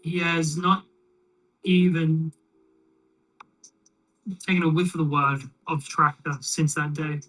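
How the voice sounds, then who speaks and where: A speaker alone in a room, telling a long shaggy-dog joke in a rambling, deadpan way with plenty of fillers. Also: medium pitch, slow, pauses often, recorded from a distance, rough recording. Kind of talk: shaggy-dog joke told while painting miniatures.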